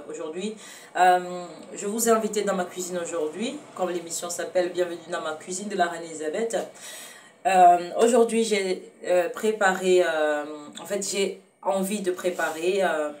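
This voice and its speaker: A woman from Cameroon with a Cameroonian French accent hosts a casual home cooking show in her kitchen, her lowish voice recorded from a distance. She talks hesitantly, with many fillers and self-corrections, and addresses her viewers fondly.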